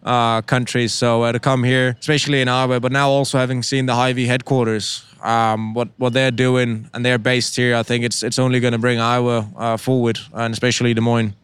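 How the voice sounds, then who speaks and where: A young Danish racing driver, Danish being his first language, fumbles through interview answers with frequent ums and repeated words. He speaks at medium pitch in a flat delivery, his tone fairly bright, clear, and resonant, with no room sound.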